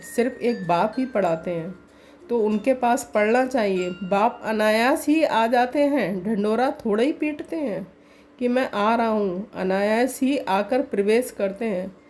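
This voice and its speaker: A woman's voice: fairly high pitch, darkish tone. Woman steadily reciting a spiritual reading. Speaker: reader of spiritual teachings.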